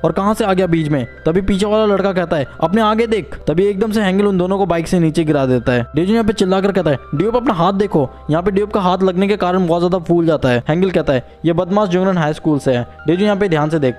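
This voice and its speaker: A man's voice: high-pitched, fast, hardly any pauses, a little mellow. A man narrating a comic story recap, retelling each character's lines in his own plain voice. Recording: background music under voice.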